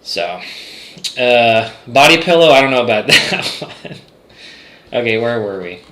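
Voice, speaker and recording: A man's voice: mid-range voice, animated, measured pace, fairly bright tone, roomy sound. A man developing a game, chatting casually on a livestream and rambling with lots of fillers and restarts. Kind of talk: casual livestream chat reading chat.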